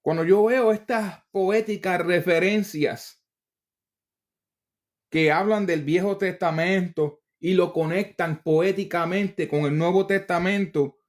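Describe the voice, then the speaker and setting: Slow, high-voiced preacher. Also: male voice, steady tone. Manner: slow, deliberate reading with casual asides. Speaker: preacher teaching from the Bible. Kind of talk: Bible teaching, reading verses aloud.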